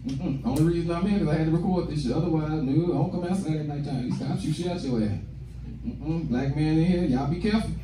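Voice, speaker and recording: A young American man with a fairly high voice talks fast while doing stand-up on a small indoor comedy club stage, slangy and profane, acting out snippets of dialogue. He's on a handheld stage mic, but the clip was captured by a distant camera. The club room is echoey, with loud crowd noise, audience laughter and room noise in the background.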